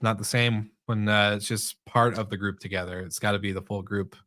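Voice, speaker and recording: A man co-hosting a hospitality podcast, chatting in a relaxed, friendly way and laughing easily. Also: fairly low pitch, brisk, no room sound, studio quality. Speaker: podcast co-host. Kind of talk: casual chat.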